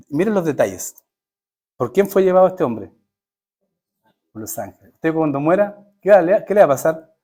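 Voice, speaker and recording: Emphatic high-voiced male preacher. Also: darkish tone. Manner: emphatic, with frequent rhetorical questions. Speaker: pastor. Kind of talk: sermon.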